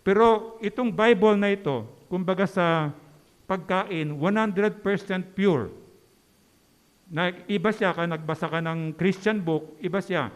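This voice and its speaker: A man's voice: high-pitched, measured pace. A man preaching as a pastor in a church, conversational and joking, often checking in with the congregation. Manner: conversational, keeps asking the congregation "di ba?"; joking with the audience. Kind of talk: sermon. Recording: long church hall reverb.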